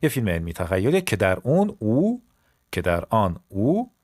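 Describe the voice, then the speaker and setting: A man who teaches French, explaining in quick Persian and saying example sentences slowly and carefully, and he calls his viewers "kids.". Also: fairly low pitch, wildly swooping pitch, darkish tone, dry recording, studio quality. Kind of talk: language lesson.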